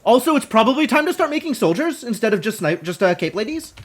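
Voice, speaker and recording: A man's voice: very high voice, very animated, fast talker. A man giving casual gameplay commentary, thinking aloud as he plays. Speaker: gamer playing and commentating. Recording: clear background noise.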